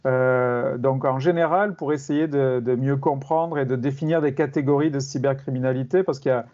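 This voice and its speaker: A middle-aged man from France, a criminology professor explaining his field in an interview, measured and hesitant with many fillers. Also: mid-range voice, steady tone, a little mellow, highs cut off.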